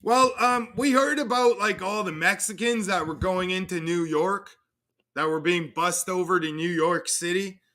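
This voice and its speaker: A man's voice: high-pitched, measured pace, bright, forceful tone. A man hosting a livestream, crudely and profanely mocking in a casual rant. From Canada. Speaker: livestream host.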